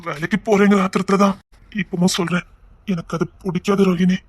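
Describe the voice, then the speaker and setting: A man plays a contrite young husband with a Tirunelveli accent, speaking in a soft, low, quick voice. The recording is dry and close. It plays as an intimate family drama scene. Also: little pitch movement, dry recording. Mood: remorseful. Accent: Tirunelveli Tamil.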